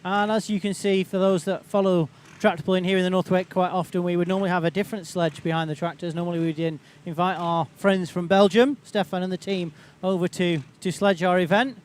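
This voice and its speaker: This tractor pull announcer has a high-pitched, steady voice, speaking a little fast with few pauses. He rambles chattily through live, unscripted commentary outdoors at the event.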